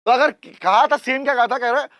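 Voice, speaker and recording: Male commerce teacher, very high voice, dry close sound, repeats key terms. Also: brisk, pushed and bright, no room sound. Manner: explains in Hindi mixed with English terms, repeats points, calls out to students. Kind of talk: classroom lecture.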